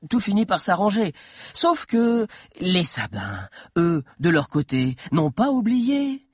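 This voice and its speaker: A man's voice: sits high, lively intonation, unhurried, dry recording, studio quality, pitched above the performer's own voice. A man voicing a timid bookish boy historian. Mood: storytelling. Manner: nervous lecturing storyteller, growing bolder. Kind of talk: audiobook character voice.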